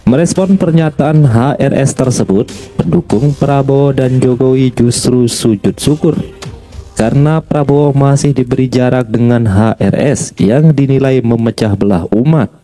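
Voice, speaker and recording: A man reading scripted news narration in a flat, even delivery. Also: medium pitch, normal speed. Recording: narration over background music.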